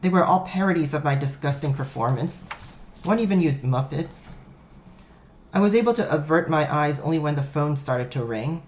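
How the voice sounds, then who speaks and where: A man's voice: on the high side, expressive, normal speed. A man reading a first-person story aloud, in a wry, self-mocking storytelling manner. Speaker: narrator.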